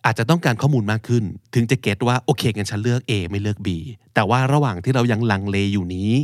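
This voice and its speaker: A young man hosting a podcast vocabulary lesson, explaining words slowly, repeating them and quizzing listeners on which syllable takes the stress. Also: lowish voice, no room sound, clean studio sound. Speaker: English vocabulary teacher.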